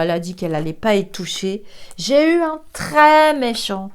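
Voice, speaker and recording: A woman's voice: mid-range voice, darkish tone. A woman, older, giving a chatty psychic card reading, laughing often and sometimes dropping to a whisper. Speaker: psychic reader. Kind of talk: casual tarot reading chat.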